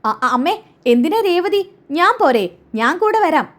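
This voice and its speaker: A woman's voice: very high-pitched, big pitch swings, unhurried, fairly bright tone, voice pushed up, heavily acted. A woman doing a whining, guilty mother-in-law. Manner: whining, excuse-making. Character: guilty pleading middle-aged mother-in-law.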